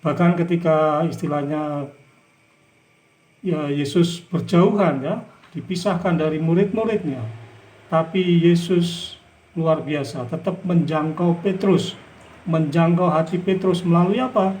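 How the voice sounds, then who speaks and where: A man's voice: a little high, measured pace, darkish tone. A man preaching and telling a personal testimony in a loose, repetitive way. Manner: loose, repetitive talk with many fillers. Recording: echoey room.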